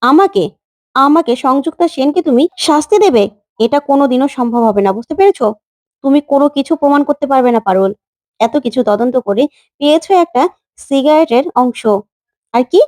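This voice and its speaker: An arrogant rich villainess from a retold family drama sneers and threatens with a raised voice, as a woman reads her part. The tone sits high yet soft and mellow, and the sound is dry and close. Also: animated, fairly quick, dry recording. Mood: taunting. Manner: taunting, raised and sharp.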